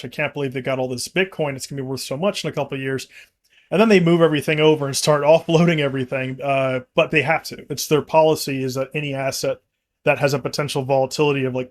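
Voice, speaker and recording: Man talking crypto markets, rambling. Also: on the high side. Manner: rambling, frequent restarts and fillers, laughs easily. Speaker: company executive co-host. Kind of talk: casual market discussion.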